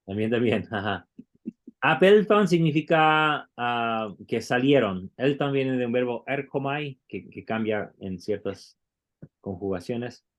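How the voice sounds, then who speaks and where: A man's voice: mid-range voice, animated, measured pace. A man who teaches Greek in an online class and explains things patiently, step by step, often restarting his words.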